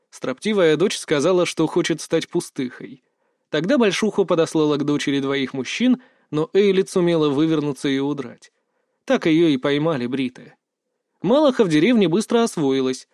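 A man reading a first-person fantasy audiobook aloud, with measured pacing and lively rises in pitch. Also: dry recording, clean studio sound. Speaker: audiobook narrator.

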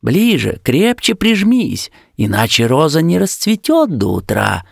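A man's voice: lowish voice, expressive, takes it slowly, vocal fry, breathy edge, no echo, studio quality, heavily acted. A man voicing a demanding rose bush in a storybook, urging the listener insistently.

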